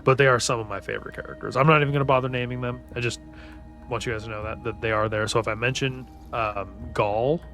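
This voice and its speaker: A man's voice: mid-range voice, steady tone, fast, fairly bright tone. Profane, slangy young man recapping a book. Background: faint background music.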